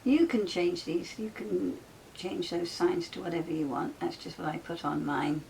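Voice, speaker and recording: A woman hosting a casual crafting tutorial, soft-spoken and chatty with frequent ums, often dropping to a near whisper while she works. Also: lowish voice, steady tone, normal speed, creaky, slight background noise, rough recording.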